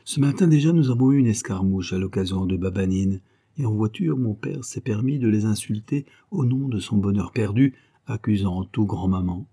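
A man narrating a literary diary as an audiobook reader, in a measured, expressive reading. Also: lowish voice, husky.

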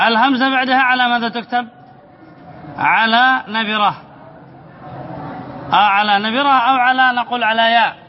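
Sheikh, male, very high voice, classroom lesson, quizzes then answers himself, dull recording with faint hiss. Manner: explains by asking questions and answering them himself, repeats phrases slowly. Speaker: sheikh teaching Arabic spelling. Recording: slightly dull recording with faint background noise.

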